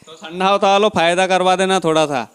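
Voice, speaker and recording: A man runs a local interview, putting pointed charges to his guest with a teasing edge. His voice sits somewhat high for a man and sounds clear and smooth. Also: fairly even intonation, fairly quick, a bit bright.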